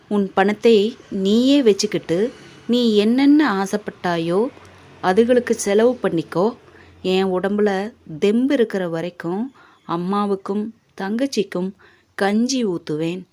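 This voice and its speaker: A woman voicing an aging middle-class father who speaks softly and tenderly to his grown son. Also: mid-range voice, close to an everyday voice.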